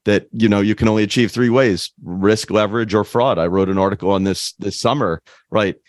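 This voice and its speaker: A man with a low voice hosts a podcast interview, recorded dry and close. He talks in a halting way, restarting phrases and filling pauses as he builds his questions. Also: fairly even intonation, dry recording. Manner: halting, many restarts and fillers. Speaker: podcast host.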